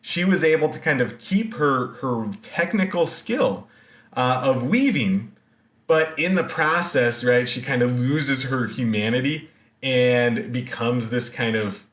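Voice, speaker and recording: A man giving a recorded university lecture, retelling a myth in a slangy, animated way with lots of fillers. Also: medium pitch, measured pace, roomy sound.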